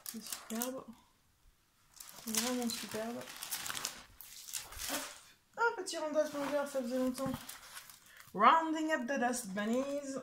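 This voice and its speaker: Woman, casual vlog, chatty with "hop" interjections, slow pace, roomy echo, audible background noise. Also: high-pitched. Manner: chatty, punctuates with "hop" and "voilà". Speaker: craft vlogger. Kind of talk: casual show-and-tell vlog. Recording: echoey room with clear background noise.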